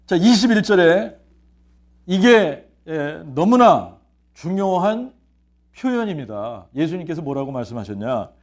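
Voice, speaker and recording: A man's voice: on the high side, big pitch swings, unhurried. A man, a pastor, preaching a sermon. He asks rhetorical questions, answers them himself, and repeats key phrases. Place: church sanctuary.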